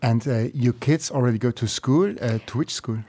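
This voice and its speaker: A man's voice: medium pitch, moderate pace, warm tone. A man hosting an interview, curious and friendly, asking short follow-up questions. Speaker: host.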